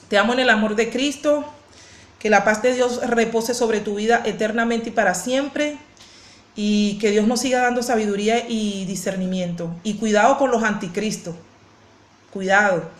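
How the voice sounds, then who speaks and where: A woman pastor preaching a sermon, fervent and given to repeating phrases and restarting words. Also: fairly high pitch. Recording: echoey room.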